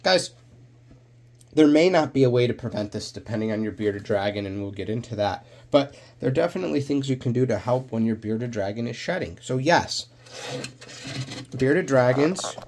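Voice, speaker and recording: A man with a stuffy, nasal voice, still getting over a cold, explains his topic to viewers as a vlog host. He talks directly to the camera and pushes hard on key words in animated bursts. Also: medium pitch, normal speed, a little hiss or hum. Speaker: reptile rescue channel host.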